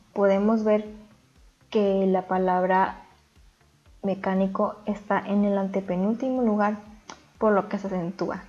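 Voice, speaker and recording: A woman teacher explaining a lesson calmly and step by step in a voice-over. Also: medium pitch, dull audio. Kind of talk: recorded grammar lesson.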